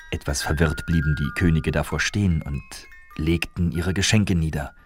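A man narrating a storybook tale with lively expression. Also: low voice. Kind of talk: storybook reading.

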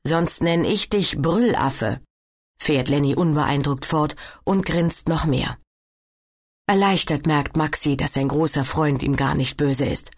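A woman narrating a children's audiobook in a lively, expressive way. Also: deep voice, a little slow.

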